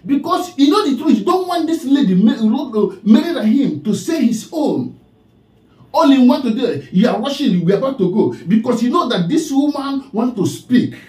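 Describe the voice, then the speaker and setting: High-voiced Nigerian man scolding preachily. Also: very animated, normal speed, darkish tone, echoey room, low-quality recording. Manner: preachy and scolding, repeats the name he addresses. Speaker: online commentator. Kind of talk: scolding commentary monologue.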